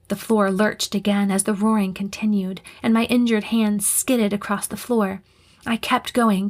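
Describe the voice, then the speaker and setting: A woman with a mid-range voice narrates a first-person audiobook, her delivery tense and breathy and frequently sinking into a half-whisper.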